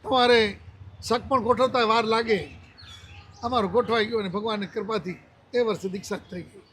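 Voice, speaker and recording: A man's voice: high-pitched, fairly even intonation, normal speed, fairly bright tone, a little hiss or hum. A man in his seventies, a monk giving a religious discourse, telling a personal story and acting out the dialogue he quotes. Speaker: Jain monk.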